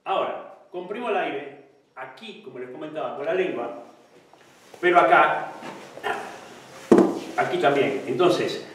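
A man's voice: fairly high pitch, animated, unhurried, pauses often, fairly bright tone. A man giving a live lecture on singing, explaining patiently and repeating syllables to demonstrate. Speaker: guest lecturer on singing technique. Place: lecture hall. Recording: echoey hall, distant mic, faint noise.

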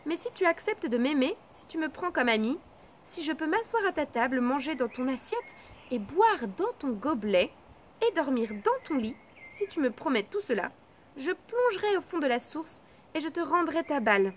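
A woman's voice: very animated, normal speed, a little hiss or hum. A woman voicing an eager, pleading frog. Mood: coaxing. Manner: calls out high and loud.

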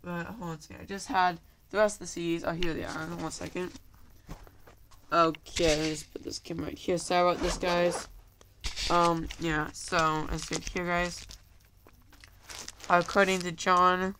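A YouTuber with a cold rambles casually through a video monologue shot on a handheld camera at home, full of fillers and apologies, constantly calling viewers "guys." His high voice is bright and forceful, with a little hiss or hum.

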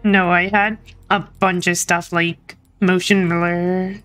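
A woman's voice: on the low side, level tone, slow, fairly bright tone, faint music behind. Chatty woman gaming with friends. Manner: chatty, exasperated at crashes. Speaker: gamer playing on stream. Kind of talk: casual gaming chat.

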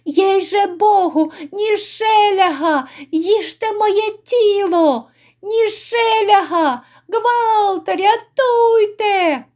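A woman's voice: high voice, sing-song, takes it slowly, a little mellow, voice pushed up, full character voice. A woman voicing a frightened, cringing old male innkeeper who pleads and wails. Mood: wailing. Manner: pleading, wailing.

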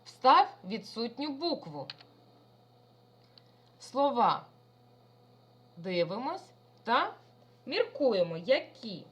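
A woman's voice: on the high side, very animated, extremely slow, long pauses, breathy edge, muffled recording. A woman primary school teacher giving a recorded lesson to young children, talking in an affectionate, sing-song way.

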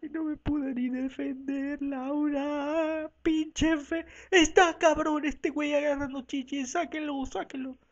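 A comic dubber with a Mexican accent voices a whole talk show alone, swapping between voices and packing every line with crude slang. The voice sits high, and the lo-fi home recording sounds dull and muffled. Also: flat delivery, slow. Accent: Mexican Spanish. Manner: rowdy, profane slang, switches between voices. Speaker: fan dubber voicing every part.

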